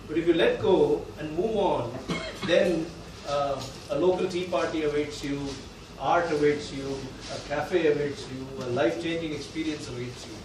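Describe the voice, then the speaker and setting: Echoey, higher-voiced South Indian male host. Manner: jokey, self-deprecating. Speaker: event host and quizmaster. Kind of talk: informal live stage hosting. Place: indoor event venue with live audience. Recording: echoey hall, distant, noisy.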